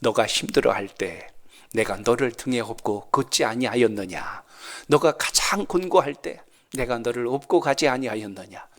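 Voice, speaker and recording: A man voicing the Lord gently reassuring a young man in a sermon story. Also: mid-range voice, animated, moderate pace, pitched below the performer's own voice, close to an everyday voice. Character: the Lord, gentle comforting divine voice.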